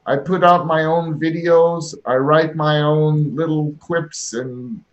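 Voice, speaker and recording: Slow jovial man in his sixties. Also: a little high, fairly even intonation, muffled recording. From Washington State, United States. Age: 60s. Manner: slow, jovial and encouraging, joking. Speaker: online class host. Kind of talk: casual online conversation. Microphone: video call.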